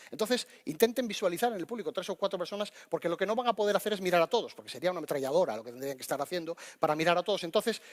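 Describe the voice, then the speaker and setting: A man lecturing on public speaking in a high, bright-pitched voice. He speaks to the audience directly and lively, often restarting his sentences. His voice rings with a long reverb the lecture hall.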